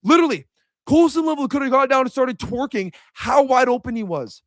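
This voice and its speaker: A man's voice: extremely high pitch, expressive, a little fast, a bit bright, no room sound, clean studio sound. A young man giving a heated, blunt reaction rant as a sports commentator. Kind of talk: ranting reaction video.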